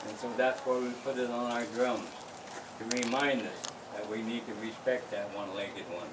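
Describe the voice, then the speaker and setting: Older man, elder telling a story, emphatic storyteller delivery, medium pitch, distant mic, clearly noisy surroundings. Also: steady tone, normal speed. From Northern California. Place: living history school gathering, plank house.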